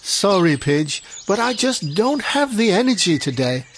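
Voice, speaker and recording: A glum, big-eared jungle animal speaks slowly and mopily in a voice, as a storyteller plays him. He is a sorry-for-himself character from a children's storybook, with a lively pitch despite the sulk. A faint hiss sits under the voice. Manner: slow, mopey, sighing.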